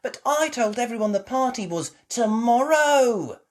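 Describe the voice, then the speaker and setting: Peppa, a woman doing an excitable little pig girl. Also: a little high, a little slow, voice pushed up. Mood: excited. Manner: bright, squealing, gushing.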